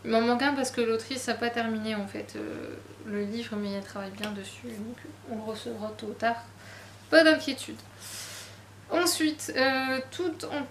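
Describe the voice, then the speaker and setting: Woman book vlogger, casual haul chat, chatty and self-deprecating, fairly high voice, roomy sound with faint noise.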